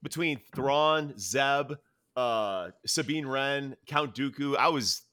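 A man co-hosting a podcast in casual chat, animated and tripping over his words. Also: medium pitch, slow, clean tone. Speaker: podcast co-host.

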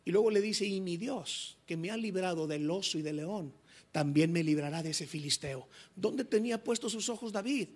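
A man's voice: sits high, normal speed. A male pastor preaching a sermon, acting out quoted dialogue with restarts.

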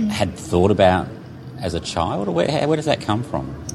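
A man with a very low, deep voice hosts a podcast interview. He asks his questions loosely and conversationally, often restarting and repeating words as he goes. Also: huge pitch swings, measured pace, vocal fry, a little mellow, slight background noise. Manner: stumbling, repeating words when asking. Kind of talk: scripted intro, then casual interview.

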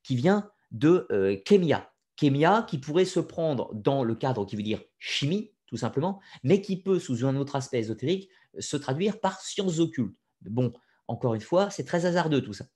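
A man of middle pitch explains his subject in an unscripted lecture, pausing on fillers and restarting his sentences. He talks straight to his listeners and drops frank personal opinions along the way. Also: sing-song, a little mellow, husky. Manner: addresses listeners directly, opinionated asides. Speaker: lecturer on occult history.

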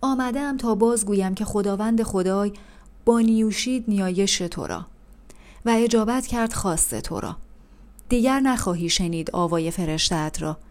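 A woman reading aloud, voicing a solemn angel of God who speaks in an archaic, measured pronouncement. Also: mid-range voice, a little mellow, lightly acted. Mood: grave. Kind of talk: audiobook reading.

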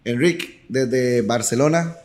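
A man's voice: medium pitch, slow, darkish tone. A man hosting a podcast, asking questions in a friendly, upbeat way. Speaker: podcast host. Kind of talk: casual interview chat.

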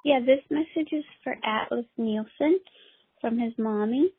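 A woman leaving a tender, halting voicemail message over a landline phone, her husky voice trailing off between phrases. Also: on the high side, background noise. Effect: voice heard over a landline phone voicemail. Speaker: new mother leaving a voicemail. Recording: tinny, dry phone-line voicemail.

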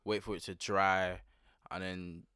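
A man's voice: low voice, level tone, a little slow, sharp tone. A young man with a London roadman accent, chatting casually in heavy slang and repeating words for emphasis. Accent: London, urban roadman slang. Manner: slangy, informal, emphatic repetition. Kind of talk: casual chat, anecdotes.

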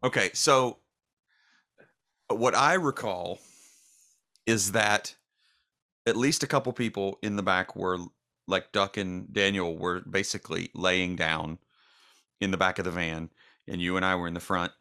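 A man in a casual podcast chat, telling an old story in a measured, dry way and poking fun at himself. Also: low-pitched, steady tone, pushed and bright. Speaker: podcast co-host.

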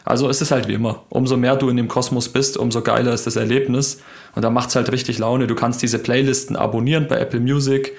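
A man's voice: medium pitch, flat delivery, fast. A man co-hosting a casual tech podcast, explaining with enthusiasm. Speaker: podcast co-host.

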